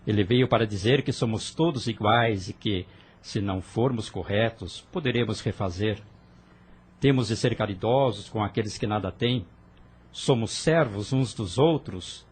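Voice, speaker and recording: In an audio drama, a man with a lowish, breathy voice plays an earnest, idealistic young rebel arguing passionately with his sister. Speaking at normal speed, he's fervent and persuasive, pushing hard to win her over.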